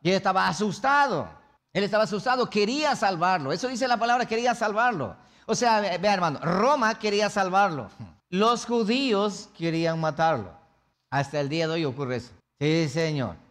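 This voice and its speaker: A male pastor delivering an emphatic sermon in a noticeably high voice. He dramatizes the story, throws rhetorical questions at his congregation and answers them himself. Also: animated, moderate pace, fairly bright tone.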